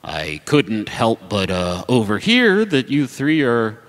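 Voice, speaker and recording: Man doing a slow, deep-voiced burly barfly. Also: huge pitch swings, fairly bright tone, heavily acted. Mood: sly, inviting. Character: big burly toddler-faced adult barfly, sly and helpful. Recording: reverberant hall with background noise.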